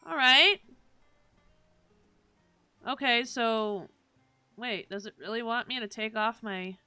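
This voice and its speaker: A woman's voice: fairly high pitch, slow pace, sharp tone, smooth, no room sound, soft background music. A young woman from the American South with a Southern twang, chatting casually and swearing freely as she streams a game. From Southern United States. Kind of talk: casual gaming stream chat.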